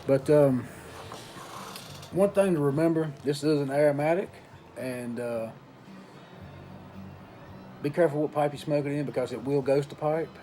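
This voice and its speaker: A man giving a casual review in an unhurried, folksy way, pausing between short phrases. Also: fairly high pitch, mellow, faint music behind. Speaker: pipe tobacco reviewer. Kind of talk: casual product review talk.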